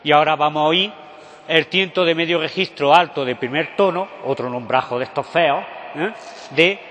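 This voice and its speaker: A man's voice: fairly high pitch, moderate pace, fairly bright tone. Andalusian man teaching in a church. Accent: Andalusian Spanish. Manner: counts out organ stops note by note, checks in with "¿vale?". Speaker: organist giving an educational concert. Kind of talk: explanatory talk to an audience. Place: large church. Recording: long church reverb.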